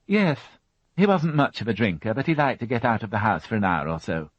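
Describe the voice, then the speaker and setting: In a storybook reading, a man pushes his lowish voice up to play a fussy, prim middle-aged housewife who chatters and grows indignant. His delivery is sing-song, a little fast, and chatty, in a dull, dry studio audiobook recording.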